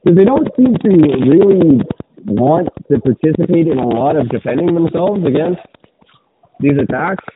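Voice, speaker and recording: A man's voice: a little high, lively intonation, normal speed. A man co-hosting a podcast in casual chat, his voice muffled as if talking through a sweater, rambling and swearing casually with many restarts. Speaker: podcast co-host. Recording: muffled phone-like line with background noise.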